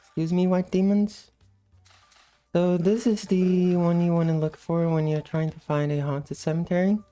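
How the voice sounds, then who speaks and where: A woman giving casual, unhurried gameplay commentary in a sleepy, just-woke-up morning voice. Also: fairly low pitch, little pitch movement, dark tone, clean tone, faint music behind. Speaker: gameplay host.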